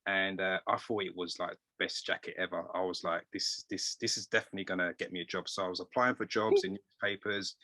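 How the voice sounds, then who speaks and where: A middle-aged man, a tailor being interviewed, telling stories in a rambling, animated way and quoting voices. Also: low voice, a little fast, few pauses, no echo. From England. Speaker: guest tailor. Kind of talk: casual interview storytelling.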